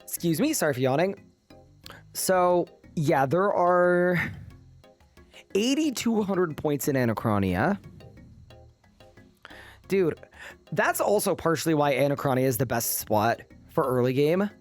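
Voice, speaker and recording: A man's voice: on the high side, big pitch swings, unhurried, long pauses, soft background music. A sleep-deprived man streaming a game live, chatting casually and reading his chat aloud.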